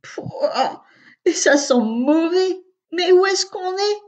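A woman voicing an impatient little girl in a storybook reading, with a squealing, shrill voice. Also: lively intonation, takes it slowly, darkish tone, exaggerated voice. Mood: scared. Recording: dull lo-fi recording.

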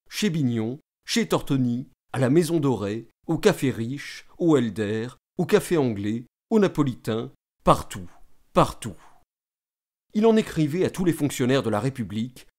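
Man, story narration, expressive, animated pitch, measured delivery. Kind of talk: reading a classic short story aloud.

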